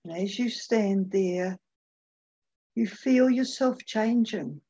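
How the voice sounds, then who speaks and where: A woman leading a guided meditation, speaking gently and unhurriedly with long pauses. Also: medium pitch, breathy edge, highs cut off.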